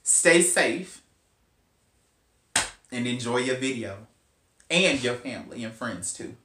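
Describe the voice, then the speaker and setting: A man's voice: mid-range voice, lively intonation, takes it slowly. A man, chatting casually as a hair stylist vlogger, rambling with playful asides. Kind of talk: casual hair tutorial chat. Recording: roomy with faint hum.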